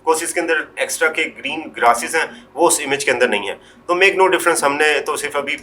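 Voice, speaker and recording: A man presenting a screen-recorded Photoshop tutorial, explaining step by step in an unhurried way, often trailing off quietly and mixing English words into his Hindi. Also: a little high, a little hiss or hum.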